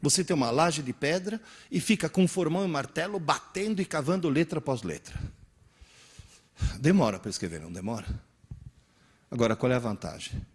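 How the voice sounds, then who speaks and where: His voice is on the high side, slightly rough and fairly quick, with frequent pauses. He's in his sixties, born in Italy and a native Italian speaker, giving teachers an animated, interactive lecture where he tells stories and puts questions to the audience.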